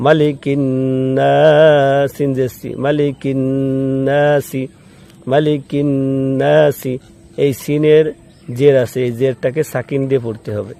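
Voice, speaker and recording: A man teaching Quran recitation step by step, spelling out each letter and vowel mark, then slowly chanting the word and patiently repeating the rules. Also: mid-range voice, vocal fry, dark tone.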